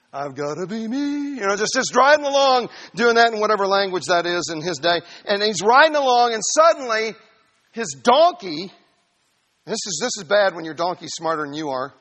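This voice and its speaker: A male preacher giving a sermon, telling a Bible story with lively humor. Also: sits high. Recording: reverberant hall.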